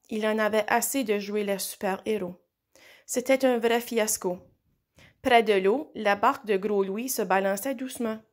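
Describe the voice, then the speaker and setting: A woman reading a children's picture book aloud, expressive, with slow dramatic pauses. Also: mid-range voice. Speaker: storybook reader. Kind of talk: children's story read aloud.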